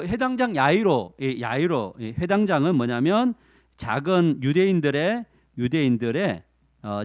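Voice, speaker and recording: A lively male pastor preaches to a youth group, voicing the people in his story as he tells it. His voice swings high and low, a little high for a man. The sound is close and dry, with no room echo. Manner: storytelling with quoted voices and call-and-repeat. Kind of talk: sermon to teenagers. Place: church.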